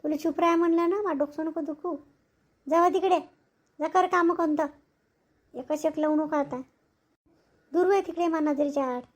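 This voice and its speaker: Woman playing a touchy, high-voiced village housemaid. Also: fairly even intonation, lightly acted, low-quality recording. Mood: snapping. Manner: sharp, quick to snap, aggrieved. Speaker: actor in a village family drama. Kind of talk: village comedy-drama acting.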